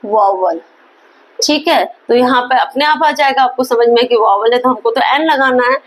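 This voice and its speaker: Lady teacher, fairly high voice, reads example sentences real slow for the class. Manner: asks questions and answers them herself. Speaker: English teacher. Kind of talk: grammar lesson in Hindi.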